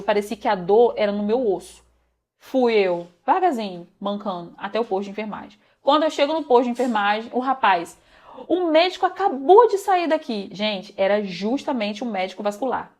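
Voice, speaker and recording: A young woman with a Brazilian Portuguese accent, earnestly telling her own story to viewers and acting out the dialogue. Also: medium pitch. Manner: earnest, addresses viewers as "gente", acts out quoted dialogue. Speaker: vlogger sharing a personal testimony. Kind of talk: emotional personal storytelling.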